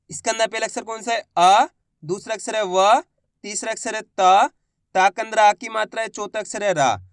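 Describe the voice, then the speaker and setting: A man teaching a reading lesson. He sounds out words one syllable at a time and repeats each word slowly. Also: high-pitched, clean tone, no room sound, studio quality.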